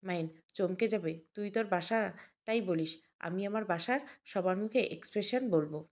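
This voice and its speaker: A woman's voice: medium pitch, normal speed, darkish tone. A woman narrating an audio story and reading every character's lines herself, naming each speaker before the line.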